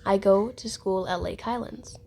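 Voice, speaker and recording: A woman's voice: mid-range voice, unhurried, warm tone, a little hiss or hum, lightly acted. A woman voicing a frightened young girl who has escaped kidnappers, speaking earnestly.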